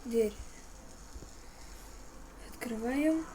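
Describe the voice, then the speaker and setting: A woman with a slightly high voice speaks extremely slowly while hosting a gaming video of a horror game. She mutters and thinks aloud in casual commentary, and the recording is clearly noisy with game ambience.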